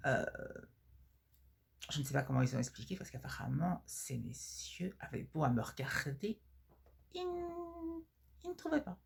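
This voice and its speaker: Woman doing a gossipy parisian showgirl diva, low raspy creaky voice, coy and theatrical, comedy sketch. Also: big pitch swings, heavily acted. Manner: coy, confiding, theatrical drawn-out words. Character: flirty gossipy blonde Parisian cabaret star, vain socialite diva. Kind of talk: comic sketch monologue.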